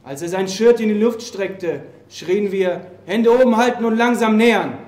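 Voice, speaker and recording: A frightened young soldier held captive, read by a man, stammering and pleading for his life. His voice sits high, and the live café recording leaves it echoing around the room. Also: normal speed, darkish tone, close to an everyday voice. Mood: desperate. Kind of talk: staged play reading.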